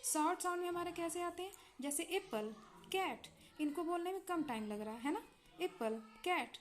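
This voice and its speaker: A woman's voice: very high voice, lively intonation, fast. A woman with an Indian accent teaching English vowel and consonant sounds, patiently repeating examples and checking in with her students. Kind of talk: explaining English phonics in Hindi.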